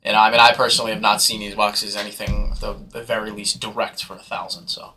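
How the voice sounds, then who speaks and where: A man hosting a live sports card break, calling auction bids in hyped, fast patter. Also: fairly low pitch, flat delivery, pushed and bright, faint music behind. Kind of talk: live sales commentary.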